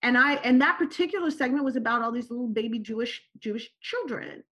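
A fast-talking woman with a fairly high voice, a native Turkish speaker, tells personal stories as a podcast guest. She's animated in conversation and keeps tagging her phrases with "right?"

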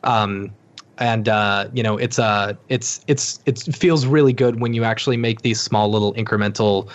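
A man's voice: fairly low pitch, steady tone, moderate pace. A young man chatting as a podcast guest about his company, rambling with many fillers and restarts. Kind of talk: casual podcast chat. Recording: dull lo-fi sound.

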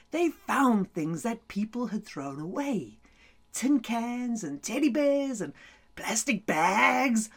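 A woman reading a children's story aloud in an animated way, laughing often and dropping to whispers. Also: fairly high pitch.

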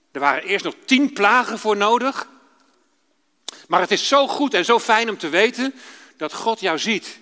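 A man preaching a children's sermon in a church, telling a bible story and speaking straight to the children in a storytelling way. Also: sits high. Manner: warm storytelling, addressing children directly. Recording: long church reverb.

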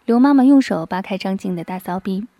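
A woman reading a story aloud in a soft, breathy half-whisper, close to the microphone. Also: mid-range voice, lively intonation, a little fast, dry recording, highs cut off. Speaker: narrator.

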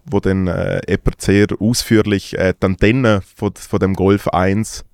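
A young man with a Swiss German accent, telling a halting story full of hesitations. His voice is on the low side for a man. The recording is close and dry, with no room echo. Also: flat delivery, vocal fry, darkish tone, clear, resonant tone. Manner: joking, teasing, hesitant storyteller. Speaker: podcast co-host. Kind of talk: casual chat.

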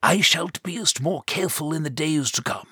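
A man's voice: fairly high pitch, normal speed, sharp tone, husky, no echo, clean studio sound, voice pushed up, exaggerated voice. A man voicing a boisterous old-fashioned male knight who speaks in archaic, formal phrasing. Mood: jovial. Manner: archaic formal speech, hearty.

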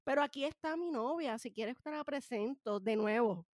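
A woman in a casual podcast chat, expressive and repeating words for emphasis. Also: high-pitched, normal speed, dry recording, studio quality. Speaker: podcast co-host.

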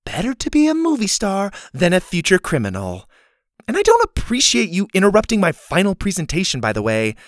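A haughty teenage girl with a high, sweeping voice, all scorn and theatrical indignation, as a male narrator puts her on. She swoops up and down as she talks down to everyone, and the recording is close and dry. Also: wildly swooping pitch, fairly quick, dry recording. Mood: scornful.

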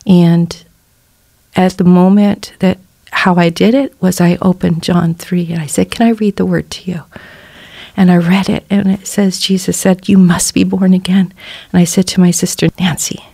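Middle-aged woman, podcast guest; earnest testimony with lively quoted voices; low-ish pitch, dry close sound. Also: normal speed, vocal fry, breathy edge, dry recording. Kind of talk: personal testimony in a church podcast interview.

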